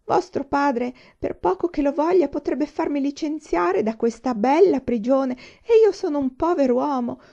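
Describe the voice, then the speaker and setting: A woman's voice: slow pace, vocal fry, few pauses, a little mellow, heavily acted. Woman doing a whining frightened jailer. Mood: pleading. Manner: high, whining, pleading. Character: frightened pleading male jailer. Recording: dull lo-fi recording.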